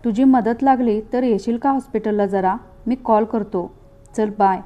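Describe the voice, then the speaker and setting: A woman's voice: a little high, fairly even intonation, moderate pace, dark tone, close to an everyday voice. Woman reading as a weary young father. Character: worn-out young father, tender and strained. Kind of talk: storybook reading.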